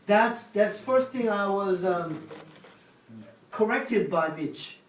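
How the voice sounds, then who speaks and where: A man casually explaining words to the camera, speaking haltingly with restarts and non-native phrasing. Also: high-pitched, animated. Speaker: vlog host explaining words. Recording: echoey room from a distance, faint noise.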